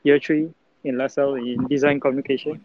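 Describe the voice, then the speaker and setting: Answering interview questions, this Singaporean breakdancer in his twenties rambles and hesitates in colloquial Singlish, sprinkling in lots of filler words and particles such as lah, lor and mah. His medium-pitched voice stays fairly even, heard in a muffled recording with no room sound.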